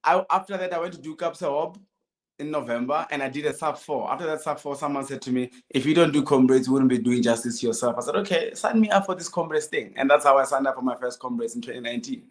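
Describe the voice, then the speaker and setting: A South African man in his thirties from Limpopo, an amateur runner, tells his own story casually as a podcast guest. He has a mid-range voice and a quick pace, speaking in short sentences with quoted dialogue.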